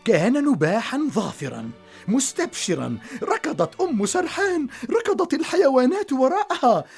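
A woman narrating a children's story in an expressive, dramatic way. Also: a little high, slightly rough.

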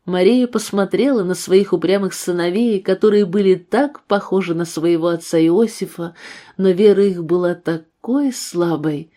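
A woman narrating a religious story in a steady, measured reading. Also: lowish voice.

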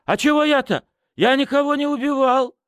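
A man's voice: very high-pitched, a little fast, dry recording, clean studio sound, voice pushed up. A man voicing a cocky young male petty thief who whines and pleads, using criminal slang. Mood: cagey. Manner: whining, pleading, street slang.

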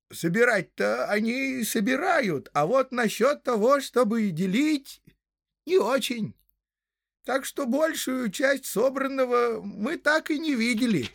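A man voicing a fretful male hobbit villager in a storybook reading, with a slow, plaintive, complaining way of talking. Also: very high voice, lively intonation, vocal fry, dry recording, studio quality, voice pushed up, full character voice.

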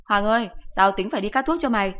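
A woman voicing a sharp-tongued middle-aged mother who scolds and mocks her son, in a storybook reading. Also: mid-range voice, quick pace, muffled recording, pitched above the performer's own voice, natural voice. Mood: scolding mockery. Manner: mocking, scolding.

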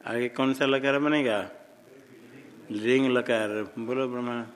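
Male grammar teacher quizzing a class, slow and deliberate, in a reverberant hall. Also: medium pitch, fairly even intonation. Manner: quizzing students, prompting answers. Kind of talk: classroom drill lesson.

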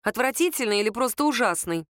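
A woman's voice: a little high, lively intonation, fast, a bit bright, dry recording, clean studio sound. A woman reading a gloomy, self-pitying young woman student who complains sulkily and sarcastically in an audiobook. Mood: despairing.

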